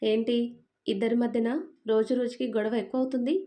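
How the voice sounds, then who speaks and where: A caring young husband, calm and earnest, soothing his wife in a family storybook as a woman reads his part. The voice stays warm and mellow, with no real attempt to sound like a man. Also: a little high, fairly quick, lightly acted. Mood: questioning.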